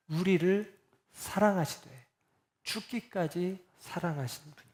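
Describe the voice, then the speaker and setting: A middle-aged male pastor preaching a sermon, asking the congregation rhetorical questions and acting out short scenes, moving between loud emphatic lines and quiet low ones.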